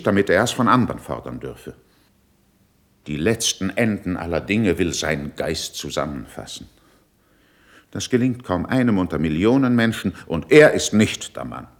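In a classical German verse radio drama, a worldly older court statesman speaks in a very deep, creaky voice, delivering the lines with measured, rhetorical, emphatic declamation and a wide, lively melody. It is a full character performance. He sounds reproachful and indignant, critical yet self-controlled.

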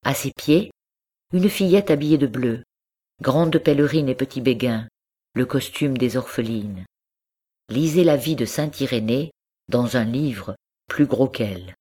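A woman reading a classic story aloud as an audiobook narrator, in a measured, descriptive way. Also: a bass voice, warm tone, breathy edge. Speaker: audiobook reader. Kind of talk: scripted narration.

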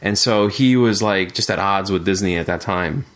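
A man with a low voice speaks at a normal pace, co-hosting a relaxed podcast conversation about retro games. He talks thoughtfully, often using fillers and starting his sentences over.

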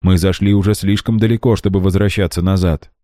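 Guy reading a bossy hero, short clipped lines, low dark voice. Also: steady tone, brisk, dry recording, studio quality, lightly acted. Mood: commanding. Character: commanding male adventurer Rocambole.

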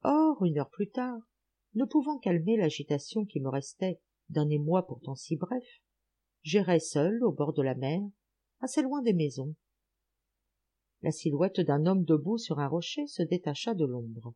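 A woman narrating an audiobook in measured, literary phrasing. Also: low-pitched, sing-song, warm tone. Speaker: audiobook reader.

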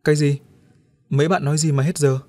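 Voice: mid-range voice, little pitch movement, quick pace, warm tone, no room sound, faint music behind, pitched above the performer's own voice, natural voice. A man voicing a tender bewildered girl in a storybook. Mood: confused.

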